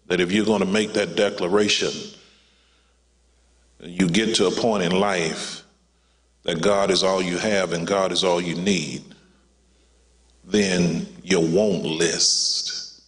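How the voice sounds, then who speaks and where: A man with a fairly low voice preaches a funeral sermon from the pulpit. He speaks in a preacher's cadence and often calls his listeners "child of God." His voice rings with the long reverb of a church sanctuary. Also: slow pace, pauses often. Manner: preacherly, rising to a high excited pitch at the climax. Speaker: pastor.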